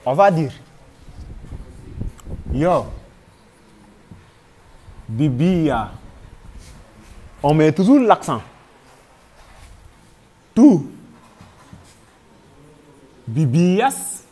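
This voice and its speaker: A man's voice: fairly high pitch, big pitch swings, very slow, pauses often, mellow. A man with a Senegalese French accent teaching a grammar lesson, patiently spelling out verb forms one by one.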